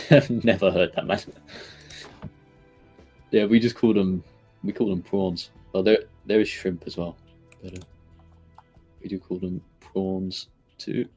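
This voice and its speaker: A man chatting casually on a live stream, relaxed and rambling with frequent fillers as he answers viewers. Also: deep voice, takes it slowly, long pauses, husky, faint music behind.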